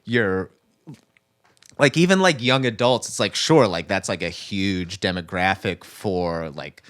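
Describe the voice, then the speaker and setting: A man's voice: sits low, measured pace. A young adult man from Arkansas with a Southern accent, co-hosting a casual chat and talking loosely with lots of fillers. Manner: relaxed, filler-heavy talk. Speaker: co-host.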